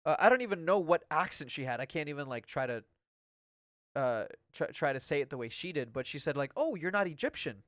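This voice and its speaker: A man's voice: a little high, a little fast, fairly bright tone, smooth, no echo, clean studio sound. A young man casually chatting on a live game stream, rambling with lots of "like" and "um". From Mexican-American. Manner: rambling and chatty, full of "like" and "um", laughing often.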